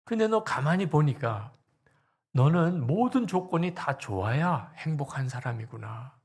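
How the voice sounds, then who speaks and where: A man voicing God as a stern father figure who rebukes a pastor in a low, hushed, scolding tone. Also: expressive, unhurried, breathy edge. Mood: rebuking.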